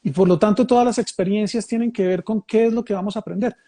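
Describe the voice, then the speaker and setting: Speaking at a quick pace with a high-pitched, warm voice, a man leads a reflective conversation. Born in Mexico and raised in Colombia, he explains ideas with care and often rephrases or repeats phrases.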